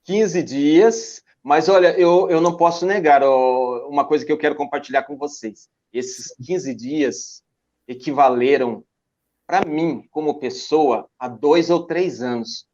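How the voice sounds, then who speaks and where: A man's voice: fairly high pitch, darkish tone. Older Brazilian man, lo-fi call. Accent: Brazilian Portuguese. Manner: enthusiastic storyteller, many rhetorical questions. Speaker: interview guest, backpacker and teacher. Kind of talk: casual interview over a video call. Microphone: video call. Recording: lo-fi video call audio.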